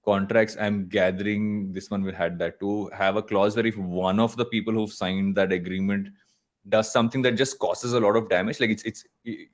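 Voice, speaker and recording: A man's voice: fairly low pitch, steady tone, moderate pace. South Indian man, joking podcast co-host. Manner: joking, hesitant, with repeated restarts. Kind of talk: casual business news chat.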